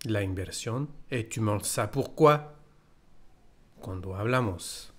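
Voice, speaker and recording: Slow-paced French teacher, man. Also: fairly low pitch, lively intonation, fairly bright tone. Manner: slow, careful explanations with French example phrases. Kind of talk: language lesson.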